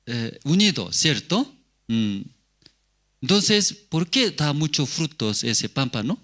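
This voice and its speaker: A man's voice: fairly high pitch, very animated, takes it slowly, fairly bright tone. A male pastor giving a sermon, asking the congregation rhetorical questions and repeating key words.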